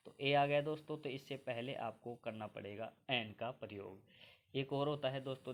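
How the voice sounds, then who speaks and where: A man's voice: mid-range voice, fairly bright tone. A man from India teaches English grammar for exams step by step and keeps addressing his viewers as friends. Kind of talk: exam-prep grammar lesson.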